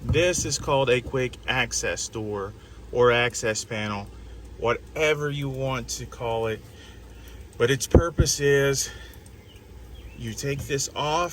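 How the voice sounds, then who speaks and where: A man's voice: medium pitch, fairly bright tone, a little hiss or hum. A man giving a patient step-by-step car repair walkthrough, guiding a helper as he goes.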